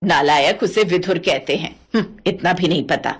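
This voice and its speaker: A woman's voice: lowish voice, normal speed, husky, pitched below the performer's own voice. A woman playing Ramola, scornful old mother-in-law. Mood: mocking. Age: 60s (figure). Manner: scolding, mocking. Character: bossy elderly widowed mother-in-law, sharp-tongued. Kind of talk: cartoon voice acting.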